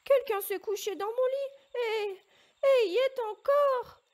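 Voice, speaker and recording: A tiny bear cub cries out in a squeaky, shrill little voice, pitched far above a normal speaking voice, as a woman reading a storybook puts it on. The cub's voice is loud and piercing, slowed and emphatic. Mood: indignant. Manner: crying out in a shrill high voice.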